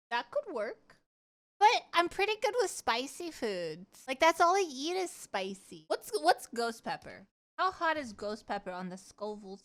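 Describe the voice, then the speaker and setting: Telling stories to her livestream audience, a high-voiced woman streamer keeps things casual and conversational. She's giggly and animated, drifting from one thought to the next.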